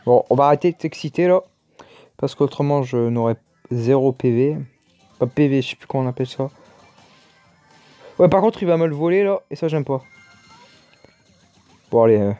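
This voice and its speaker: A man gives casual, chatty commentary while he plays a game, exclaiming and muttering to himself between moves. His voice is dark and mellow, recorded dry and close, with faint music underneath. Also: mid-range voice, moderate pace, pauses often, no echo. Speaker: gaming YouTuber.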